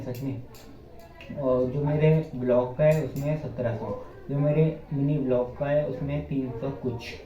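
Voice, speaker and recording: A young man from India, with a mid-range voice, cleans his village house while vlogging casually. He's chatty and jokey, rambling to viewers as "brothers" and sounding a little out of breath. Recorded on a phone camera with no external mic, the audio comes across dull, lo-fi and echoey.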